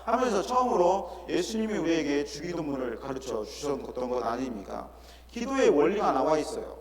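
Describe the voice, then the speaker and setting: A middle-aged male pastor preaching an earnest sermon, often asking rhetorical questions and dropping into softer asides. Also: fairly high pitch, sing-song, moderate pace, crowd noise. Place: church sanctuary. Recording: echoey church hall with congregation.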